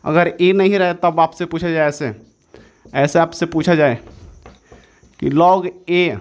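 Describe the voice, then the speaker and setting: Higher-voiced man teaching exam maths. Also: fairly even intonation, slow pace. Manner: repetitive, restates each step several times; self-correcting, says sorry mid-explanation. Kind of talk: exam-prep maths lesson.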